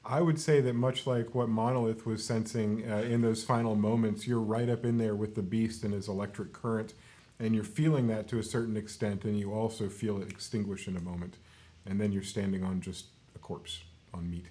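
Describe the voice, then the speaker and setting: A man runs a tabletop fantasy game as its narrator. His voice sits on the low side, and he tells the action in a measured, descriptive way. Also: fairly even intonation, mellow. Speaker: game master.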